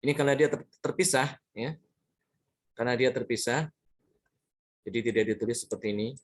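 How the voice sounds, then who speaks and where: Speaking fairly quickly at a medium pitch, a man works through examples in a tajwid lesson on Quran recitation rules. He stays patient throughout, going over words and examples more than once and frequently making sure his listeners are with him.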